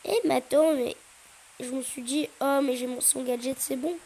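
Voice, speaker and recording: A woman chatting through her gameplay, with lots of hesitant fillers and sudden excited yelps. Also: high voice, normal speed, slight background noise, low-quality recording. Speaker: gaming YouTuber. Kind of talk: casual gameplay commentary.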